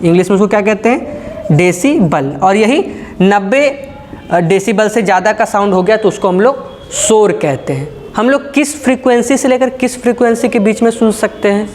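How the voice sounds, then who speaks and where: A man's voice: sits high, moderate pace, darkish tone, a little hiss or hum. A man giving a physics lecture, posing questions and answering them himself with folksy examples and frequent checks for understanding. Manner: folksy, uses everyday examples. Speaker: physics teacher. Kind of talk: classroom lecture.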